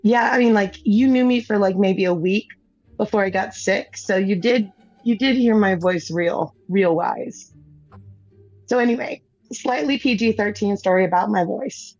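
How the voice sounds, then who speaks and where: Over soft background music, a gaming stream host talks casually at a moderate pace in a medium-pitched, darkish voice. She rambles through a story, laughing a lot and starting sentences over. The lo-fi recording is dull and dry, with no echo.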